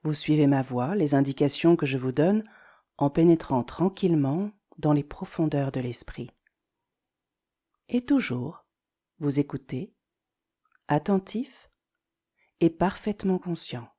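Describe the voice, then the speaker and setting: A low-voiced woman leads guided yoga nidra. The pace is slow and the instructions calm and soothing, punctuated by intentional pauses.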